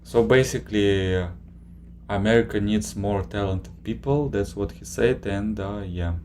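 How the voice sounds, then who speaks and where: A man casually chatting on a live stream, reading out viewer questions and reacting, with halting pauses. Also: on the low side, a little mellow, a little hiss or hum. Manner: slow, halting, many filler pauses.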